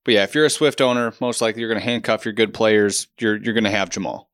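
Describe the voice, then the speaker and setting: A man co-hosting a casual football podcast, talking in a laid-back, measured way with frequent restarts. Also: fairly low pitch, fairly even intonation, smooth, no echo, studio quality. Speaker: podcast co-host. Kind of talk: casual sports podcast chat.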